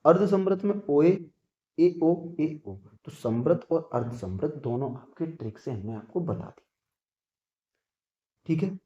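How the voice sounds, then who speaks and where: A man's voice: fairly high pitch, lively intonation, measured pace, pauses often, warm tone, reverberant, muffled recording. A man teaching an exam-prep grammar lesson, repeating points and often checking whether students have understood.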